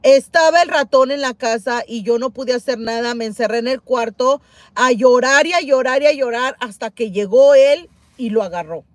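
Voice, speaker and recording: A woman's voice: moderate pace, no echo. A middle-aged woman chatting casually on a livestream, reading viewer comments aloud and exclaiming with many repeated words. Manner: animated, exclaims and repeats herself, swings high and loud. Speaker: couponing livestream host.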